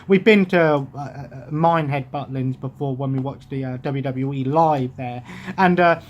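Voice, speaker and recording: A young English gaming vlogger rambles to a close-range webcam from the sofa in his living room, absent-minded and restarting often. His medium-pitched voice moves at a moderate pace. The recording is muffled with slight background noise.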